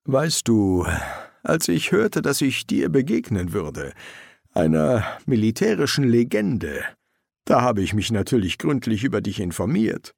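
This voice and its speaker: A man's voice: medium pitch, very animated, measured pace, vocal fry, darkish tone, no room sound, clean studio sound, exaggerated voice. A man voicing a polite, fussy young army lieutenant who talks in a formal, courteous, chatty way, in a German audiobook. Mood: prim.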